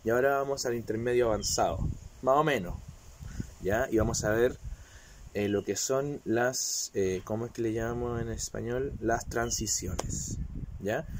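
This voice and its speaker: A man's voice: medium pitch, darkish tone, a little hiss or hum. A man with a slight cold gives a casual video lesson, talking chattily and often checking that his viewers follow along. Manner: chatty, keeps checking in with "¿ya?" and "¿cierto?". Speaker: language teacher.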